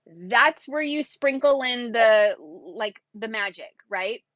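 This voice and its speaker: Excitable woman giving chatty sales coaching. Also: on the high side, slow pace, dry recording, muffled recording. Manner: excitable and chatty, acts out quotes. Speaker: network marketing coach. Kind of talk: casual sales coaching talk.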